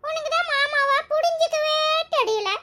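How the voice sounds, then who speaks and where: Woman voicing a small boy, very high squeaky voice, giggly, teasing, singsong, cartoon. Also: moderate pace, sharp tone. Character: chatty little village boy, cheeky nephew. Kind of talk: cartoon storytelling.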